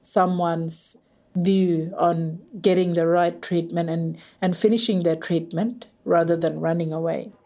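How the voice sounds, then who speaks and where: A woman talking in an interview discussion, halting and thoughtful as she works out her points. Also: on the low side, steady tone, warm tone.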